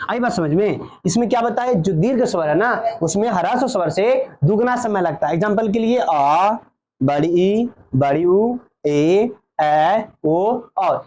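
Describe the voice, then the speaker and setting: A man's voice: high-pitched, a little mellow. A man teaching a grammar lesson. He asks questions and answers them himself, and he draws out each vowel sound.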